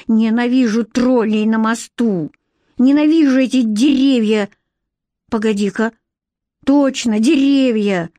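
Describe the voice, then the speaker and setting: A woman voicing a daring, excitable twelve-year-old boy in a storybook reading, bold and teasing. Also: fairly high pitch, no echo, natural voice. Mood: grumbling.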